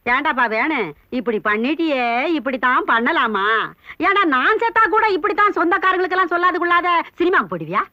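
A woman's voice: high-pitched, lively intonation, fast, hardly any pauses. An actress playing a doting old grandmother who chides and frets in a plaintive way. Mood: chiding. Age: older. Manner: plaintive, chiding and fussing. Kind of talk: Tamil film comedy acting. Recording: dull film soundtrack, faint music.

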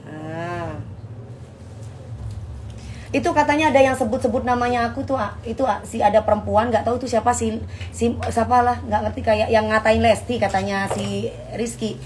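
A woman's voice: on the high side, moderate pace, a little mellow, slight background noise. A middle-aged woman hosting a casual live stream, brash and trash-talking, calling her viewers darling. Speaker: live-stream host selling bags.

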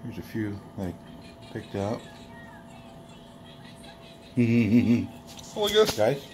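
In a rambling show-and-tell vlog, a collector chuckles through his toy car finds laid on a bedsheet indoors, filmed on a handheld phone. His fairly low voice is very animated, stretching out words and packed with fillers, and the background is noisy.

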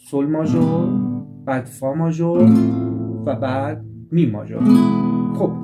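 A man teaching a guitar lesson, patiently walking through chord shapes and repeating each step. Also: fairly high pitch. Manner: patient, repeats and restates steps. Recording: guitar playing behind the voice.

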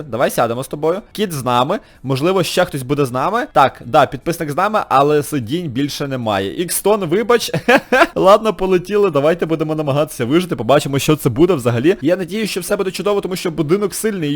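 A man hosting a gaming channel, giving chatty let's-play commentary, excitable, laughing often and yelping in high squeals.

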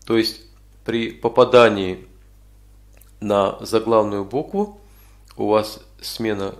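A man with a lowish voice leads an informal software tutorial. He explains each step as he goes, pausing now and then to find the next word. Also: steady tone. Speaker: tutorial instructor. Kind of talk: informal spoken software walkthrough.

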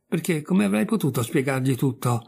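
A man's voice: on the high side, animated, brisk, creaky, mellow, breathy edge, exaggerated voice. A man voicing a weak, starving male dog who argues stubbornly in a storybook reading.

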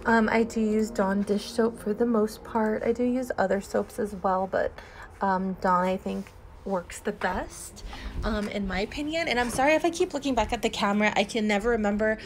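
A woman's voice: mid-range voice, moderate pace, faint music behind. A young woman doing a chatty, rambling voiceover at home for a cleaning vlog, with lots of fillers and restarts. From San Antonio, Texas. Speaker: cleaning vlogger. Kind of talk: casual voiceover chat.

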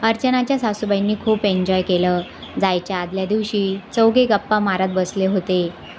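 A woman narrates a scripted family tale at an ordinary middle pitch, her delivery even and measured. There is a faint hiss under the voice. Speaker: storyteller. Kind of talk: scripted narration of a moral story.

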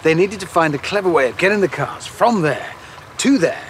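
A man's voice: a little high, normal speed, a little hiss or hum. An English man in his forties presenting on location at a factory, enthusiastic and playful. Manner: enthusiastic, playful, easily excited. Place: outdoors at a rail yard and inside a large factory hall.

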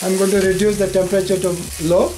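An older man, host of a home cooking show, giving calm, plain step-by-step cooking instructions. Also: sits high, fast talker, noisy background.

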